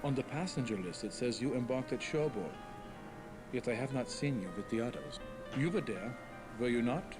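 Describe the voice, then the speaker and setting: An actor playing a coolly polite, probing German imperial official in a video game, formal and clipped. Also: male voice, mid-range voice, animated, normal speed, music in the background, close to an everyday voice. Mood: coolly inquisitive. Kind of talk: video game character acting.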